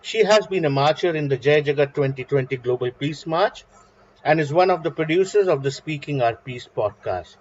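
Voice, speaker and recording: A man's voice: on the high side, expressive, normal speed, slight background noise. Brief: male moderator reading introductions, formal, muffled video-call audio.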